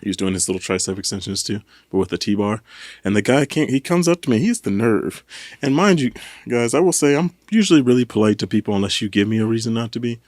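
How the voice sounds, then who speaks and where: A man's voice: on the low side, fast, dry recording. A man casually telling a story on a podcast, acting out what people said. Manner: animated storytelling, acts out quotes. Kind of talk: casual chat.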